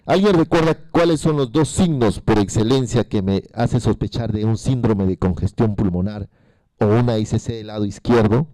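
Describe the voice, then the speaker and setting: Guy lecturing med students, warm dark voice, dry close sound, keeps asking the class stuff. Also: on the low side, normal speed, no echo. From Peru. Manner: asks students questions, repeats key terms. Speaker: medical lecturer.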